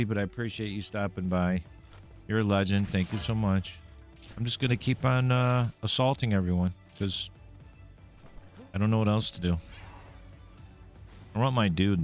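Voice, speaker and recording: A man streaming a game live, commenting casually, swearing freely and taunting the enemies he fights. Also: on the low side.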